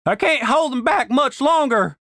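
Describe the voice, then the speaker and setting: A woman's voice: sits high, expressive, moderate pace, a bit bright, dry recording, clean studio sound, pitched above the performer's own voice, full character voice. A man voicing a tough, crude, swearing woman fighter with blunt folksy slang. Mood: urgent.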